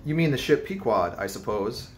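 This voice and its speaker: A man's voice: mid-range voice, sing-song, moderate pace, slight background noise, close to an everyday voice. A man voicing a wary, skeptical young male sailor who asks blunt questions.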